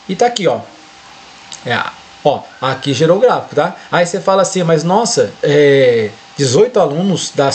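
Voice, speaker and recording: A man's voice: fairly high pitch, slight background noise. Brazilian man tutoring through a screen share. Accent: Brazilian Portuguese. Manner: explanatory, checks in often with short questions. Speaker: educator explaining a spreadsheet tool.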